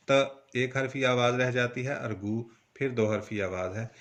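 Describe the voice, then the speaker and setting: A man from Pakistan with a Punjabi-tinged Urdu accent, teaching a poetry lesson patiently and breaking words into syllables. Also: lowish voice. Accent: Punjabi-influenced Urdu. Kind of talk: instructional lesson.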